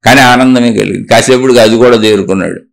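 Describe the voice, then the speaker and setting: A man's voice: mid-range voice, fairly even intonation, fast, creaky. A man, a spiritual teacher, giving an earnest spiritual talk, answering viewers' questions and telling a parable, with rhetorical questions along the way.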